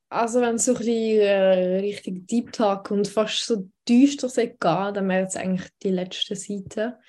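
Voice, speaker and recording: A woman's voice: mid-range voice, darkish tone. A young woman in her twenties from Switzerland with a Swiss German accent, talking as an author in a radio interview, thoughtful and direct. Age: 20s. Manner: thoughtful and direct, with frequent fillers. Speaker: author and guest.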